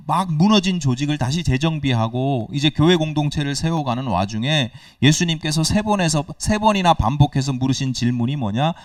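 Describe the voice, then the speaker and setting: A man's voice: mid-range voice, no echo, far from the mic. A male pastor preaching a sermon, explaining with questions to the congregation and acting out quoted dialogue. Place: church sanctuary. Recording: dry sound, speaker away from the mic.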